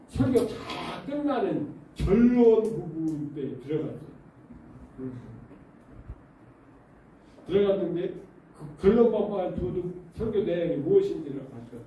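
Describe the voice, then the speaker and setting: A man preaches in a very dark, mellow voice, pitched a little high for a man. He keeps the congregation involved with stories and rhetorical questions. The sound is a very echoey church hall, with his voice picked up from some distance away from the mic. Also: slight background noise. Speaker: pastor. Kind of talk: sermon. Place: church sanctuary.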